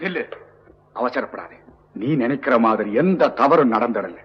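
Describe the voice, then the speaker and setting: A man's voice: mid-range voice, animated, moderate pace, slightly rough, lo-fi sound. A domineering king. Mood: remorseful. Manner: commanding. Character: domineering middle-aged male king, later remorseful. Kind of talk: 1960s film acting.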